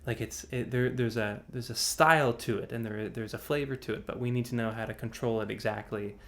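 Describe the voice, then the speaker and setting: A man's voice: mid-range voice, steady tone, a little fast, fairly bright tone. A man teaching an online singing workshop, explaining breath support, with loose, rambling phrasing full of restarts. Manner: demonstrates sighs and sung examples. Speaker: vocal coach. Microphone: video call.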